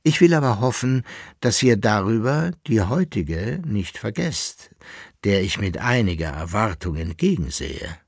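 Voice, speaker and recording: A haughty masked noblewoman, put on by a male reader, teasing her guest in a playful, pointed tone. The voice is husky and unhurried. It sounds close and dry, like an audiobook read in a studio. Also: on the low side, big pitch swings, dry recording, exaggerated voice.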